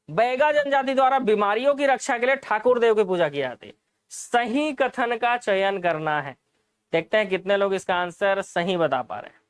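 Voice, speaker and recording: Guy teaching exam prep questions, very high smooth voice, keeps repeating stuff and asking the class. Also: dry recording. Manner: explains and repeats points, asks the class rhetorical questions.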